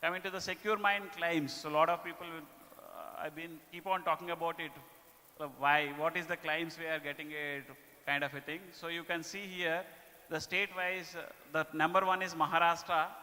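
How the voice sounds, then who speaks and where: Indian-accented man, business presenter, highish pitch, very sharp and forceful tone, halting delivery, staff presentation, long hall reverb. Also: little pitch movement. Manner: halting delivery with repeated "okay" tags. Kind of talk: corporate performance presentation to staff.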